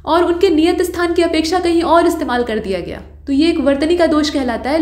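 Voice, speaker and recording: A woman with a high voice teaches exam-prep grammar, working through each answer step by step. She keeps putting questions to her students and fixes her own slips as she goes. The sound bounces around a roomy space. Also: a little mellow. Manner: patient explainer who asks students rhetorical questions; corrects her own slips mid-sentence.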